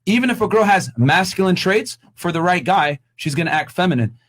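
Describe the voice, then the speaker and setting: A man's voice: high-pitched, expressive, fairly quick, a bit bright. A young man from Connecticut, hosting an opinionated panel debate and speaking in a blunt, assertive, emphatic way.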